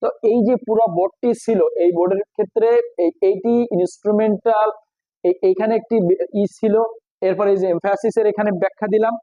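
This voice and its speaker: A high-voiced man with a Bengali accent teaches English grammar, going slowly through each phrase and pausing often to explain. The recording is dry and slightly dull. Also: steady tone, warm tone, dry recording. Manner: slow, explains each phrase step by step with many pauses. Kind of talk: exam prep lesson.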